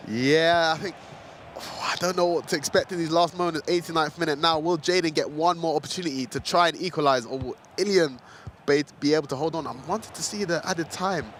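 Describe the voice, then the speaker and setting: A male esports co-commentator with a fairly high voice breaks down the match in an analytical, measured way and now and then trips over his words. A faint hum of noise sits behind him. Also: fairly bright tone. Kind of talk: live esports color commentary.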